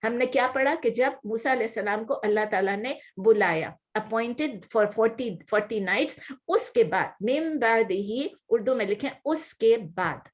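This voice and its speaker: Urdu-accented woman, Quran teacher, patient explainer, slows down over Arabic words, drops in English terms. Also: a little high, animated. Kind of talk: word-by-word Quran lesson.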